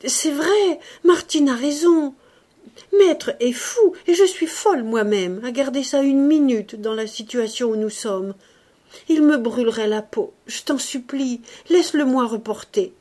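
A woman reading aloud, voicing a joyful, emotional young woman with a high, gushing voice. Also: a little slow, mellow. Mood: tearful.

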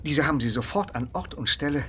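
A man playing a courteous, quietly suspicious police inspector in a radio play, matter-of-fact and knowingly pointed. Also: a little high, fast, background noise, lightly acted. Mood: matter-of-fact reporting.

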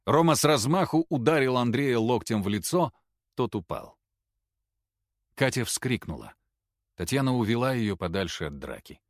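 Low-voiced male audiobook narrator. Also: no echo, clean studio sound. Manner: expressive, dramatic reading.

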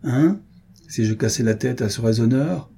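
A man reading an audiobook, voicing a rough, hostile male coachman who is quick to threaten. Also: medium pitch, lively intonation, mellow. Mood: surly.

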